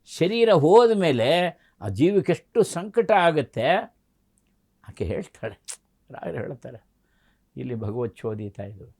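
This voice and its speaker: Animated man telling devotional stories. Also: on the high side, unhurried, long pauses. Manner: animated, acting out the story's voices. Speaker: religious scholar guest. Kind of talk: devotional storytelling discourse.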